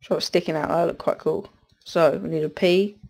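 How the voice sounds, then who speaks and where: Stuffed up with a cold, this teenage gaming commentator rambles through casual play, distracted and cutting himself off mid-sentence again and again. His male voice is a little high yet darkish and creaky, with a steady tone at a moderate pace.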